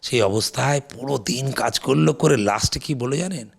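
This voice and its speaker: Gravelly older man telling stories. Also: mid-range voice, moderate pace. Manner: lively raconteur, acts out quoted people in Hindi. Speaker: interview guest. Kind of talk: storytelling anecdotes in an interview.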